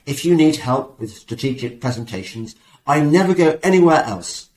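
Lively English man in an echoey room. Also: mid-range voice, moderate pace. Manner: lively, jokey, sarcastic. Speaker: podcast host. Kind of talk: casual chat and read advert. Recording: roomy echo.

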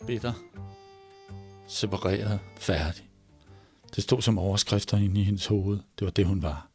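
A man telling a story aloud in a measured, pausing way, moving between hushed and emphatic passages. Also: lowish voice, fairly even intonation, faint music behind. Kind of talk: oral storytelling.

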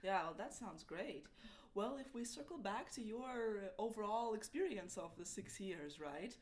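A woman's voice: medium pitch, expressive, unhurried. A woman interviewing a guest, asking long, carefully built questions and sometimes restarting a sentence partway through.

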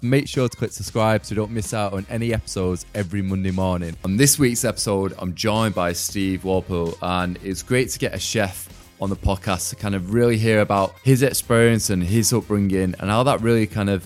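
A man's voice: deep voice, darkish tone. A man hosting a podcast casually, often saying "like" and "kind of". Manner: informal, often says "like" and "kind of". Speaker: podcast host.

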